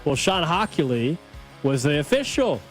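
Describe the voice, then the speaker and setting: A man's voice: on the high side, sing-song, moderate pace, faint music behind. A man hosting sports talk in a casual, conversational style. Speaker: sports radio host.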